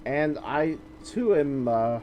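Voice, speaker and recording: A man's voice: a little high, expressive, takes it slowly, lo-fi sound, crowd noise. A man streaming a game, chatting casually in a wry, joking way with restarts and trailing sentences. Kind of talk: casual chat while gaming.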